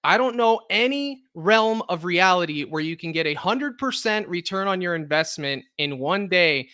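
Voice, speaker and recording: High, bright-voiced man, dry sound. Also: normal speed. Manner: emphatic, agreeable, repeats words when excited. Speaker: betting podcast host. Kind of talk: casual podcast chat.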